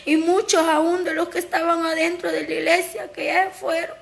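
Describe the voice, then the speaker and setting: A woman testifies before her church with a very high, gravelly voice that stays almost level in pitch. She speaks with fervent, tearful conviction, calling out to the congregation as she tells her story. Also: level tone, normal speed. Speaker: pastor's wife giving testimony.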